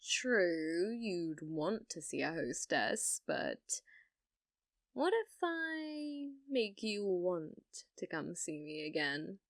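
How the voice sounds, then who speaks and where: In an ASMR roleplay, a woman plays a flirty, possessive yandere rental date, teasing and coy as she coaxes the listener with a playful mood. Her fairly low, exaggerated voice swings widely in pitch, moving slowly and deliberately and dropping to whispers, in clean studio sound with no room.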